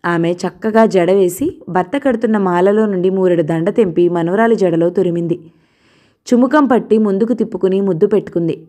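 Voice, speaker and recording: Woman storyteller, warm mellow tone, steady narration. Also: mid-range voice, brisk.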